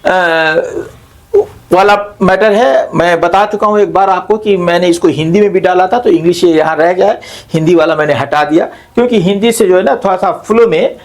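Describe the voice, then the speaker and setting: A male literature teacher gives a slow classroom lecture, explaining each term and repeating it in Hindi, with frequent pauses and self-corrections. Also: high-pitched.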